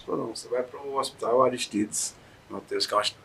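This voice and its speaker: A man as an interview guest, telling an emotional personal story in a heartfelt way, sometimes hushed, sometimes loud and encouraging. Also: medium pitch, fairly quick, vocal fry, breathy edge.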